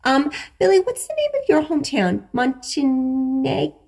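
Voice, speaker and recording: Lively-voiced woman podcast co-host from Canada. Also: high-pitched, normal speed, vocal fry. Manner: chatty, jokey, laughs easily. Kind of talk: casual chat.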